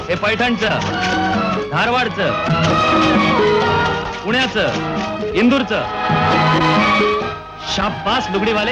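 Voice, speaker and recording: A man playing a proud rescuer who declaims rousingly, in an old film drama. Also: high-pitched. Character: proud rescuer rallying for a woman's honor. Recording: old film soundtrack with loud music.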